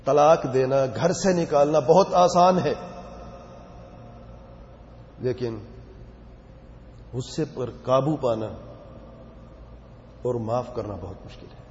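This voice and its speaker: A man's voice: mid-range voice, pauses often, darkish tone. A man preaching a sermon, speaking emphatically and pressing his listeners with rhetorical questions. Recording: echoey hall, dull lo-fi sound.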